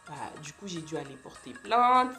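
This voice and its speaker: A woman's voice: lowish voice, lively intonation, normal speed, sharp tone. A young woman vlogger animatedly retelling a story, exasperated and acting out the quotes. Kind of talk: storytime vlog. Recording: roomy echo, faint background music.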